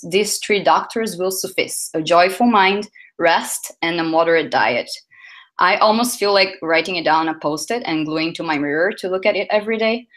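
A woman gives a live conference talk, speaking in a fairly low register. She talks in a chatty, loose way, filling gaps with um and uh and often backing up to fix a word. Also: a bit bright. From Brazil. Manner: chatty, self-correcting, lots of fillers.

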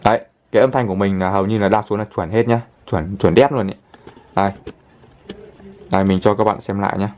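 A man hosting a casual app tutorial, chatting his way through each step and filling pauses with little pointer words. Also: on the low side, steady tone, darkish tone, slight background noise. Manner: chatty, fills pauses with constant "đấy" and "đây". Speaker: channel host, tutorial presenter.

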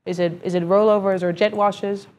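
A woman moderating a panel discussion who briskly cuts in with questions. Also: mid-range voice, level tone, a little mellow.

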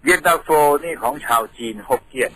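A man's voice: a little fast, sharp tone, no room sound, rough recording. A man from Thailand, a radio guest patiently explaining things in a studio, telling them like a story.

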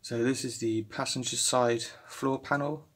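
A man's voice: mid-range voice, unhurried, very noisy. A young man in his twenties casually talking through car repair work in a home garage, rambling with lots of fillers, filmed on a handheld phone. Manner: relaxed, rambling, many fillers and restarts. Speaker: car restoration vlogger. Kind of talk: casual workshop narration. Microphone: handheld phone camera.

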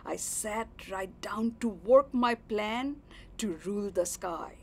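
A woman reciting a rhyming poem in a rhythmic, expressive way. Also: medium pitch, takes it slowly. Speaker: poetry reciter. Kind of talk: poetry recitation.

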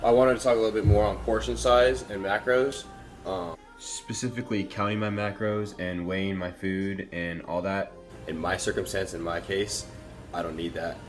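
A young man, a fitness vlogger, chats casually about his cooking in a laid-back, rambling way, packed with likes and ums. His low voice moves at a moderate pace, echoing off the walls of a small kitchen with faint music behind. A camera mic held at arm's length picks him up.

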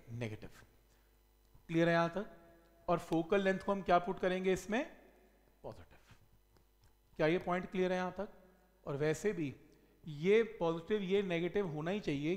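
Standing at a whiteboard in a classroom studio, a middle-aged man teaches physics in a high-pitched voice. He raises questions only to answer them himself, stressing the key word heavily, and his words leave a long reverb tail.

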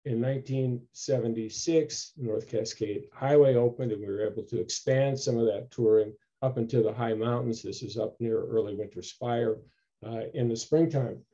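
Older man, dark mellow voice, relaxed storyteller, dull lo-fi video call sound. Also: medium pitch, normal speed. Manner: relaxed storytelling, clears throat often. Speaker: local history speaker. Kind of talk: informal slide-show talk. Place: home room with bookshelves. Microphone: video call webcam.

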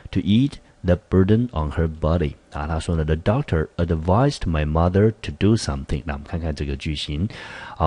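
A man's voice: rumbling low, a little mellow, breathy edge. A man with a Taiwanese Mandarin accent teaching an English vocabulary lesson, explaining step by step with many rhetorical questions and filler sounds.

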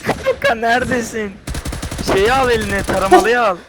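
A man's voice: very high-pitched, very animated, moderate pace. A young man chatting casually as a co-op partner in a video game. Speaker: co-op gaming partner. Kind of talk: casual chat during play. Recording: roomy echo, game gunfire and voices behind.

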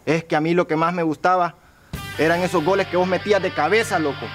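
A man's voice: high voice, steady tone, quick pace, music in the background, natural voice. An actor playing a goofy, teasing friend in a comedy sketch, speaking with a Honduran accent and ending his lines with "bo". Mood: nostalgic. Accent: Honduran Spanish. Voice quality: teasing, slangy, ends lines with "bo". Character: goofy Honduran buddy with bad aim.

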